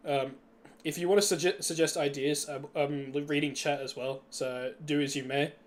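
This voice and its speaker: A man's voice: a little high, steady tone, moderate pace. A young man casually chatting on a live stream while building a game level, laughing and rambling with restarts.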